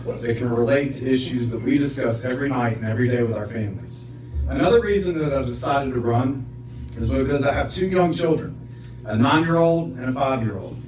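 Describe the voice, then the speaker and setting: Candidate speech, a man, steady and earnest, echoey room, far off the mic. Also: medium pitch, a little hiss or hum. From Southern West Virginia. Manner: earnest, steady public speaking with occasional fillers. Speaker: judicial candidate. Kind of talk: campaign speech. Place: visitors center meeting room.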